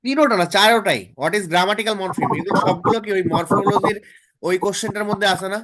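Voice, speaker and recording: A man's voice: sits high, a little fast, fairly bright tone. A man tutoring students through exam topics in a casual online lesson, often checking in with them.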